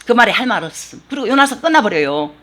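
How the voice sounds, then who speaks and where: Woman pastor, sermon, lively swooping pitch, fairly high voice, colloquial storytelling. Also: fast talker. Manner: animated colloquial storytelling with sound effects. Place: church.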